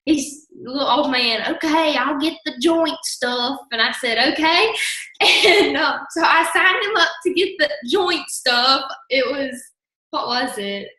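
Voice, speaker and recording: A woman's voice: high-pitched, unhurried, reverberant, poor audio. A woman casually telling a story on a group call, often breaking into laughter as she talks. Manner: giggly, breaks into laughter, animated. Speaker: team member sharing her story.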